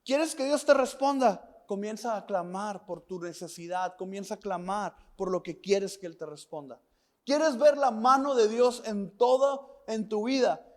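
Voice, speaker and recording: A male pastor with a high-pitched voice and lively intonation preaches earnestly at a measured pace. He repeats phrases, puts direct questions to the congregation, and works in stories about his family.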